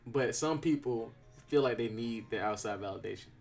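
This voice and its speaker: A man hosting a casual podcast chat, slangy and quick to agree and laugh along. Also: mid-range voice, creaky, darkish tone, soft background music.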